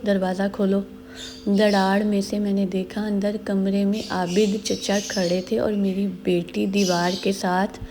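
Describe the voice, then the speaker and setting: A woman narrating a first-person story in a measured, earnest way. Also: medium pitch, warm tone, a little hiss or hum.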